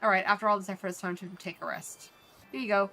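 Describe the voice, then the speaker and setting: A woman's voice: mid-range voice, fairly even intonation, fast talker, pushed and bright, soft background music. An Irish woman reading as a kindly auntie cook. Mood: warm. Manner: reading game dialogue aloud.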